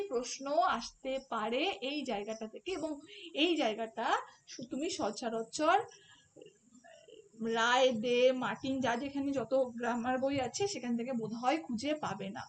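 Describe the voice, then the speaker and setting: A woman's voice: on the high side, slight background noise. A woman teaching a phonetics lesson for an exam, explaining step by step and asking rhetorical questions. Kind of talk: online exam-prep lesson.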